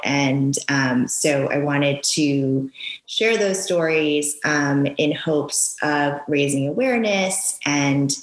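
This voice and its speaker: A woman guest, a Japanese native speaker raised in New York, talking earnestly with frequent pauses and ums in a casual interview. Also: low voice. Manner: earnest, halting, many ums. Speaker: guest author, parent. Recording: echoey room.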